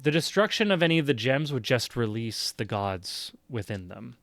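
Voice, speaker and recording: Male game master, mid-pitched, measured, thinks aloud, dead dry mic. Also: very animated, fairly bright tone, no room sound. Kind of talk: narrating a tabletop game.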